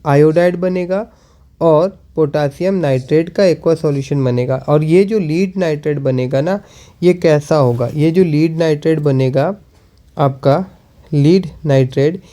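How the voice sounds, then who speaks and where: Male teacher, mellow, asks and answers himself, slow dictation. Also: fairly high pitch. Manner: repeats questions and answers them, slow while writing. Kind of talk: chemistry lesson.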